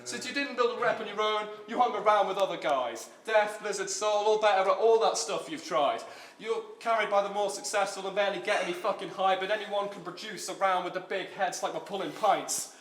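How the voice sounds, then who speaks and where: A man spits a crude, insulting battle rap verse. His voice sits high and sharp. The recording is roomy and echoing. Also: brisk. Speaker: battle rapper. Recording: roomy and noisy live venue.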